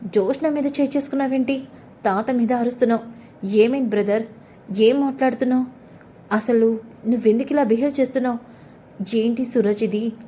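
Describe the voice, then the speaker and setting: Brief: woman as a worried young man, anxious, mellow voice. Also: on the high side, a little fast, long pauses, slight background noise, natural voice. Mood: alarmed. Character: worried young man, pleading brother-in-law.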